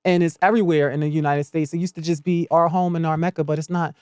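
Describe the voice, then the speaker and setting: A woman's voice: low voice, fairly even intonation, fast, a little mellow, clean tone, no echo, clean studio sound. A woman in her forties with a Philadelphia accent, chatting candidly and sassily as a podcast guest, laughing often. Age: 40s. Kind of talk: casual podcast chat.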